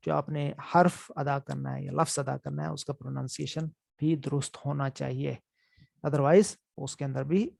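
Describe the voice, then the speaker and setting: A man's voice: a little high, gravelly, dark tone, no room sound, studio quality. A man teaching a class on Quran recitation rules, explaining step by step and often repeating key points. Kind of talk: online class lecture.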